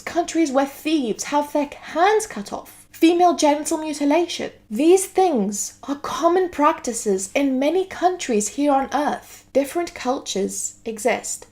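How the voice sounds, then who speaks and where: A Greek woman, a political video commentator, delivers an earnest, lecturing scripted monologue to camera. Her voice is a little high and a little mellow.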